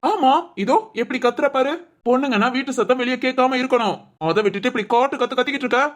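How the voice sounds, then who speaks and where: Woman doing a young cartoon husband, a bit high-pitched, bossy, brags he won. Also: fast, close to an everyday voice. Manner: boastful, bossy, teasing. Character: young village husband, boastful and teasing. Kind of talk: cartoon voice acting.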